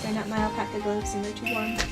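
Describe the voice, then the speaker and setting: A woman in her late twenties making chatty asides while playing through a game. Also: monotone. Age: late 20s. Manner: chatty asides, quick and lowered. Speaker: streamer. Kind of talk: casual game playthrough. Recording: clear music behind.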